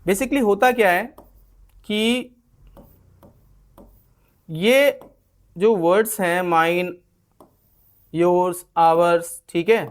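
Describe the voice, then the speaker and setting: A man's voice: high-pitched, drawn-out words, pauses often. A man with an Indian English accent, explaining a spoken English lesson and acting out example lines, with frequent "theek hai" checks. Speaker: English teacher.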